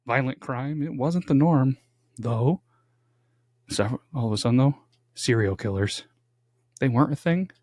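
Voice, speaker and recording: A young man with a mid-range, darkish voice co-hosts a casual true-crime podcast from a home studio, recorded at studio quality with no echo. He's chatty and jokey, building things up dramatically.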